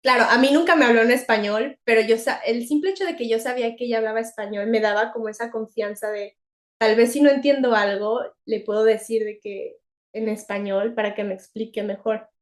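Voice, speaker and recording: A young woman with a Mexican accent, co-hosting a podcast in a chatty, animated way and laughing often. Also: on the high side, brisk. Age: young adult. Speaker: podcast co-host. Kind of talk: casual chat.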